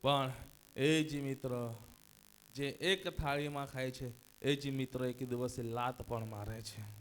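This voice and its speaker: A man preaching a sermon as pastor, leading the congregation in call and response, swinging between hushed passages and loud shouted cries of hallelujah. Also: medium pitch, fairly even intonation, slow, slight background noise. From India. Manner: repeats phrases and cries hallelujah.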